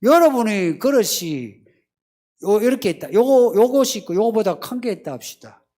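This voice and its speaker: A male pastor preaching a conversational sermon, often acting out short quoted prayers and pleas in a softer voice. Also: high-pitched, big pitch swings, normal speed.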